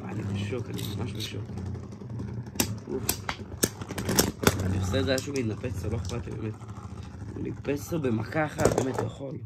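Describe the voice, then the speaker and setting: Excitable gravelly man in a noisy toy review. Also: medium pitch, pauses often. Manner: excitable, exclaims often, restarts sentences. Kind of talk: casual hands-on toy review. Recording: noisy home recording with clicks.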